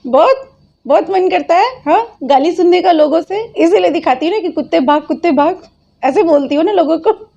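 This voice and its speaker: A woman's voice: very high voice, expressive, normal speed, vocal fry, warm tone, lo-fi sound. A woman hosting her own channel, scolding and mocking people in reaction commentary and laughing often. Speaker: channel host.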